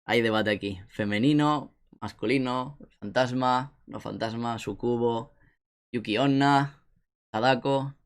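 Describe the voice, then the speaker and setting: A man's voice: mid-range voice, measured pace, clean tone. A young man from Spain with an Asturian accent, chatting casually on a live stream and reading chat messages aloud with a joking tone. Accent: Asturian Spanish.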